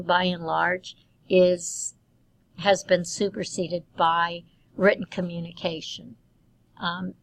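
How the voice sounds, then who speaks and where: A middle-aged woman instructor giving recorded feedback on a business writing course, measured and dotted with ums. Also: lowish voice, creaky, dry recording, rough recording. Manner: measured, with frequent um fillers.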